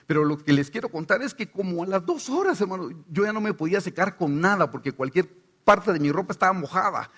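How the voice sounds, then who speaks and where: A man's voice: high-pitched, quick pace, breathy edge. A middle-aged man from Guatemala, a pastor with a Guatemalan Spanish accent, preaching a sermon and telling stories while acting out the voices of the people in them. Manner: animated storytelling, acts out voices.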